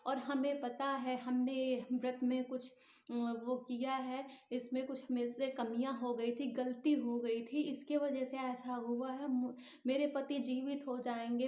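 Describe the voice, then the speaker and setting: A woman's voice: sits high, dark tone. A woman playing a grieving wife, pleading in tears. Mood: defiant. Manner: tearful, pleading. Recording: roomy echo.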